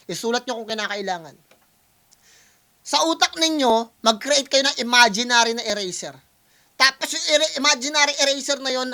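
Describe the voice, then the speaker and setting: A man's voice: very high-pitched, sharp tone. A man, a music producer, talking casually to his viewers and explaining things step by step at length, often checking in with "di ba?" and mixing English into his Tagalog. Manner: long-winded, explains step by step, often asks "di ba?"; Taglish, switches between Tagalog and English. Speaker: music producer reacting to a rap battle.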